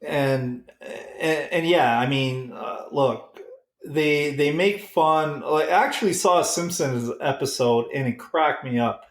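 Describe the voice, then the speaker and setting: A man chats loosely as a podcast co-host, stumbling through restarts and fillers. He speaks slowly and unhurriedly, and his voice rings in a roomy, echoey space. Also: a little high. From Canada. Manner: halting, many restarts and fillers. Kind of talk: casual chat.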